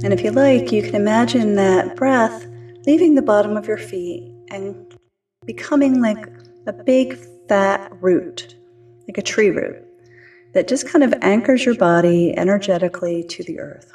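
A woman gently and soothingly guiding a calm, grounding meditation exercise as a host, in an unhurried way. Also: mid-range voice, far from the mic, faint music behind. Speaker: host of a wellness podcast.

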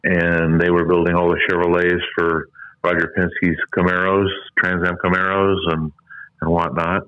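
A man's voice: low voice, flat delivery, moderate pace, clean tone, no echo. Give me an older man on a glitchy, muffled phone line. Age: 70s. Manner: rambling with many fillers and trailing asides. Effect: muffled glitchy phone line from a bad connection. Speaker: retired racing engine builder guest. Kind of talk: phone interview recollection. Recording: dull lo-fi phone call audio.

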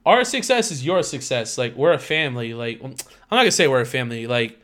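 A man's voice: medium pitch, animated, fairly quick, fairly bright tone. A man co-hosting a casual podcast in slangy, hyped bro talk, swearing freely. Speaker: podcast co-host.

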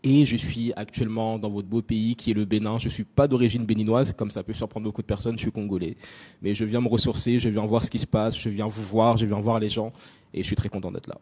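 Mellow-voiced French-raised man speaking. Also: fairly low pitch, flat delivery, fast, breathy edge. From France. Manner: personal, addresses audience directly, many fillers. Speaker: invited speaker. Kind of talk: conference talk on stage.

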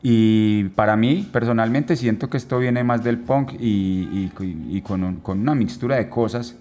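A man talking casually, often repeating and restarting words, with relaxed local slang. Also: mid-range voice, measured pace. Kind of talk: casual chat.

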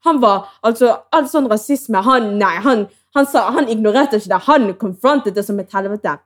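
A young woman co-hosting a podcast, telling stories in lively casual chat, acting out quotes and swearing freely. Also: fairly high pitch. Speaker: podcast co-host.

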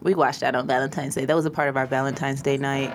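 A woman with a very low voice and a Detroit-area American accent teases her co-host bluntly in relaxed podcast talk. A faint hiss runs under the studio recording. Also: quick pace. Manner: teasing, blunt. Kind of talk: casual banter.

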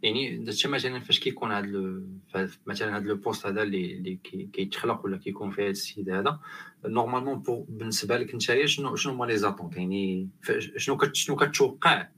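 A man's voice: on the low side, very fast, bright, forceful tone, husky, rough recording. A man with a Moroccan accent hosting a panel discussion, asking roundabout questions that he rephrases, with French terms mixed in. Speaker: discussion host.

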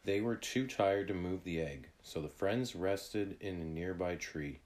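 A man reads a children's adventure book aloud in a low, deep voice. He takes his time, with a calm and deliberate delivery. Each sentence is measured and clear. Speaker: narrator.

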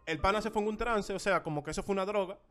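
A man's voice: high voice, rapid-fire, faint music behind. A man telling history in a casual, slangy chat as podcast co-host. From Dominican Republic. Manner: animated storytelling, slangy. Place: United States.

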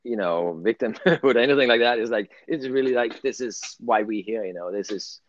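In a casual spiritual conversation, a middle-aged man from Denmark speaks as a guest on a spiritual channel, earnest and rambling, with a Danish accent. He has a brisk, mid-range voice, captured in a dry, lo-fi recording.

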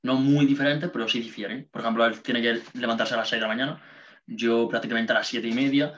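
A man's voice: mid-range voice, fairly even intonation, quick pace, a bit bright, a little hiss or hum. A young man, co-hosting a casual chat and giving earnest advice with the odd swear word. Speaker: podcast co-host. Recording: dull lo-fi sound.

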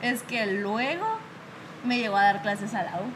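A young woman, casually telling animated stories about bad bosses and peppering them with "¿verdad?". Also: medium pitch, a little slow, heavy background noise. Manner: animated storytelling, acts out her bosses' scolding; frequent fillers like "¿verdad?" and "va". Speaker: guest telling work stories. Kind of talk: casual chat.

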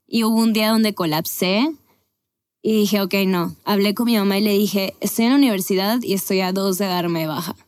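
A candid young woman from Venezuela, in her twenties, talks as a podcast guest. Her voice sits in a middle pitch, and her chat is loose, frank and full of quick restarts. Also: darkish tone. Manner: candid, chatty, with laughs and self-corrections. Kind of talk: casual conversational storytelling.

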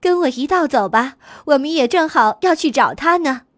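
A woman voicing a kind mother sheep who speaks gently and soothingly in a storybook. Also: high voice, expressive, normal speed, no room sound, clean studio sound. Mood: gentle.

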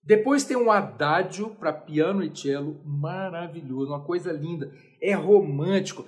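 Chatty Brazilian man, high voice. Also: moderate pace. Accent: Brazilian Portuguese. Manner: chatty, self-deprecating, sings note names. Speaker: music lecturer. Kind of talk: informal lecture.

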